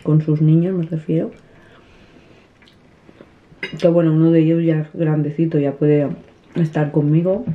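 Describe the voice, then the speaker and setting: A woman in her thirties who runs a family vlog sits eating at a table at home, chatting casually to the camera in a low, flat, brisk voice. She's soft and chatty and restarts often. The camera sits close on the table in a small indoor dining room, giving a tinny, phone-like sound.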